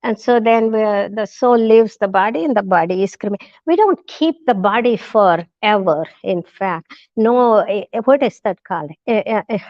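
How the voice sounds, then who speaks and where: A woman giving a talk as a guest speaker, telling a story in a halting way, with many restarts and fillers, and acting out the quoted lines. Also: mid-range voice, lively intonation, no room sound, lo-fi sound. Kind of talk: storytelling lecture.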